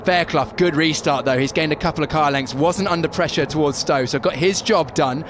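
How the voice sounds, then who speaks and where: Male motorsport commentator, slightly high voice, keen analytical race explanation, clear car and outdoor noise. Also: brisk.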